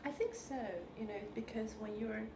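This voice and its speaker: A Chinese composer, interviewed in a room in New York, speaks in a slightly high voice, slow and careful, pausing often to find words in a reflective conversation. The space echoes, and a steady hiss runs underneath.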